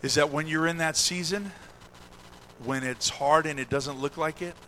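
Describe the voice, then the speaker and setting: Brief: male pastor with a high, bright voice who preaches with rising fervor, from quiet to shouting. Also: normal speed, a little hiss or hum, low-quality recording. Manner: builds from hushed storytelling to shouted exhortation. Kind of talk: sermon.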